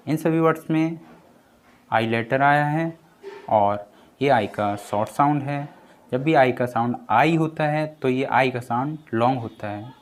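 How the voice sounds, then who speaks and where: A man teaching an English lesson, explaining spelling rules slowly and spelling out example words one at a time. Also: medium pitch.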